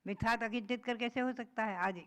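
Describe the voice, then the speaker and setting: A woman's voice: on the high side, fairly even intonation, quick pace, fairly bright tone. A woman, a Jain nun, giving a patient religious discourse, reciting verses and then explaining them.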